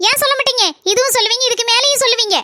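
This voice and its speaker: A woman's voice: extremely high pitch, racing, sharp tone, no room sound, studio quality. A woman voicing a snappy young woman with a Kanyakumari Tamil accent, curt and mocking. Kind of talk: cartoon voice acting.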